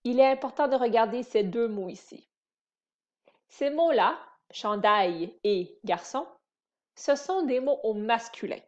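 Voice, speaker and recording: Slow, patient woman teaching grammar. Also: on the high side, animated, a little mellow, lo-fi sound. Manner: patient, spells and repeats words for learners. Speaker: French teacher. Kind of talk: slow explanatory grammar lesson.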